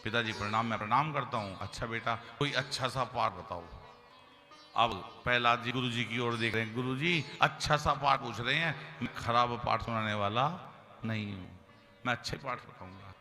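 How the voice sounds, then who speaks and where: A man's voice: medium pitch, moderate pace, pushed and bright. A man telling a devotional story as a sermon, acting out the characters' dialogue and chanting verses. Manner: chants Sanskrit verses melodically. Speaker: kathavachak preacher. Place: large hall, religious gathering. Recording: reverberant hall with music.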